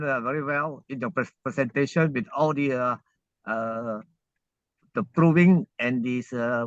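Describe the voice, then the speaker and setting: A man from Malaysia, speaking on a car speakerphone while driving. He gives halting thanks on an online call, with many uh's and restarts. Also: medium pitch, a bit bright, no room sound. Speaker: webinar participant thanking the speaker. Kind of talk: casual spoken remarks on an online call. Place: inside a car. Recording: dull, muffled call audio from a car.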